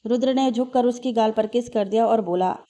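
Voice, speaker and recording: A woman storyteller reading a family story aloud in a steady, even way. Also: fairly high pitch, fairly quick. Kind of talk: read-aloud story narration.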